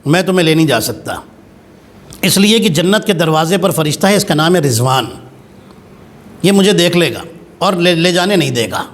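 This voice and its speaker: A man's voice: on the high side, animated, pauses often, close to an everyday voice. A man preacher voicing a vain male peacock who frets about losing his beauty. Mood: worried.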